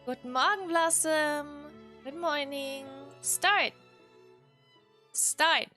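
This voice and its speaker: Speaking very slowly in a high voice, this woman streams a game as a VTuber, mixing relaxed chatter with read-aloud story text from a visual novel. Soft piano music plays underneath as she hesitates, cuts herself off, and softly exclaims.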